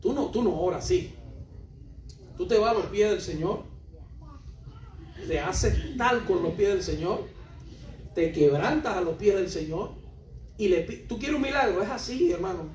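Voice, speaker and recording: Male preacher, high voice, emphatic and repetitive, recorded off-mic in an echoey church hall. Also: lively intonation, a little slow, long pauses, a little mellow. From Cuba. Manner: emphatic and repetitive, questions the congregation directly. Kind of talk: sermon. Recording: roomy hall, voice from a distance.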